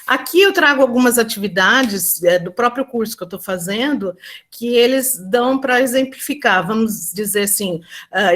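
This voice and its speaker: A woman presenting her classroom experience at an online teaching symposium. She speaks hesitantly, with many fillers and restarts, and acts out slow teacher and pupil lines. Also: on the high side, fairly bright tone.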